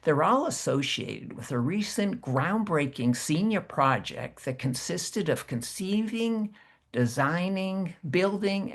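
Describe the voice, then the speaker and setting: A man hosting an interview over a video call, with a formal, measured, welcoming delivery. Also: a little high, vocal fry. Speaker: host.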